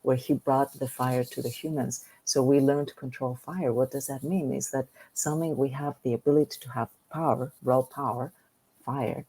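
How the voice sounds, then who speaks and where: A woman's voice: rumbling low, steady tone, moderate pace, warm tone, breathy edge, low-quality recording. A woman from Greece, a guest on a business podcast, speaking earnestly and often repeating words as she starts a thought. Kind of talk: podcast interview.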